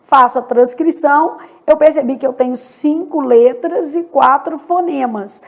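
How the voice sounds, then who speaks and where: Slow, high-voiced Brazilian woman teaching. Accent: Brazilian Portuguese. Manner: slow and deliberate, asks and answers own questions. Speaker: Portuguese teacher. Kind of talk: exam-prep grammar lesson.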